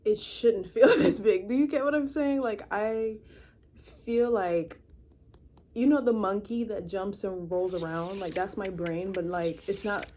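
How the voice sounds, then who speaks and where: Mellow-voiced 23-year-old woman rambling. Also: medium pitch, unhurried, a little hiss or hum. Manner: rambling, chatty, many fillers and restarts. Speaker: vlogger. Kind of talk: casual rambling vlog. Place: her own room indoors. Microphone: camera.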